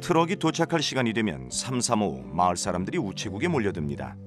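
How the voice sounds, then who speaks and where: A man narrating a documentary in a measured, informative scripted voice. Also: lowish voice, huge pitch swings, over music.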